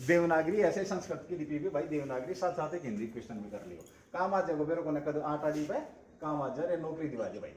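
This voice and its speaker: A Haryanvi-accented man lectures a coaching class in a fairly high voice, repeating key terms and answering his own questions. He calls his listeners brother again and again. The sound rings around an echoey classroom. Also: expressive, brisk, a little mellow, slight background noise.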